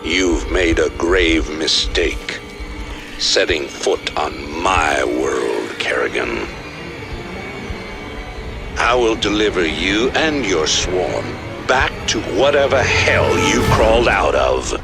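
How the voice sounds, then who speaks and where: Deep, gravelly imperious villain. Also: male voice, big pitch swings, music in the background, full character voice. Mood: menacing. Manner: haughty, threatening, drawn-out phrasing. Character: menacing aging emperor villain, cold and imperious.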